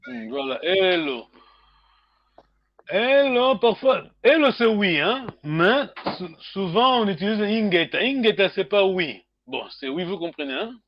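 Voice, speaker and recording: A man teaching a language class online, questioning his students, with slow speech and many hums. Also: sits high, big pitch swings, lo-fi sound. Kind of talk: online group lesson.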